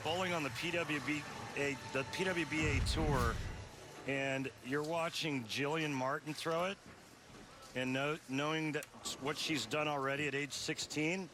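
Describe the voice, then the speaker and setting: A man's voice: a little high, steady tone, a little slow. A man giving color commentary on a televised bowling match, chatty and analytical about technique. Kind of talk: sports broadcast commentary.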